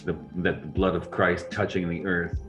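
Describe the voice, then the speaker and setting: A man's voice: low voice, level tone, moderate pace, muffled recording. A man in conversational discussion, reading aloud and sharing thoughts like a teacher. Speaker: course teacher. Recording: music behind the voice. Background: music.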